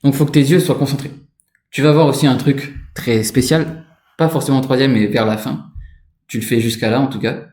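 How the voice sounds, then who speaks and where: A man with a mid-range, darkish voice keeps a steady tone and moves a little fast in a roomy space. His informal lesson on energy and chakras rambles as he speaks directly to whoever is listening, in the role of a spiritual energy instructor.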